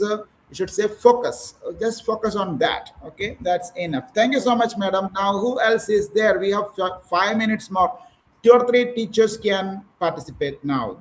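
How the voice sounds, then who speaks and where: Indian English male trainer, high voice, encouraging coach on a video call. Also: low-quality recording. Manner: encouraging, coaching, prompts with questions. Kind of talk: online speaking practice session.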